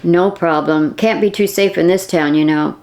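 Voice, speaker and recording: A gabby, folksy female cashier who keeps talking, as a woman narrator voices her. Her voice sits low and a little gravelly, in a plain storybook reading. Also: moderate pace, a little mellow, close to an everyday voice. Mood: chatty. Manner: talkative, folksy. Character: chatty, gossipy female store cashier.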